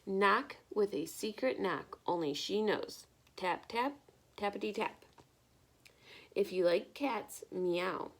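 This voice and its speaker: In a mid-range voice, a woman reads a picture book aloud the way a teacher would, expressive and encouraging. She pauses to ask questions of her young listeners.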